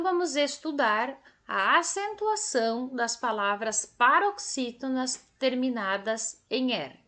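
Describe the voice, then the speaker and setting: Slow, high-voiced Brazilian teacher woman. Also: fairly bright tone. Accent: Brazilian Portuguese. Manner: slow, drawn-out and didactic, stretching words for emphasis. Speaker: primary school teacher. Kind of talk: recorded remote lesson for children.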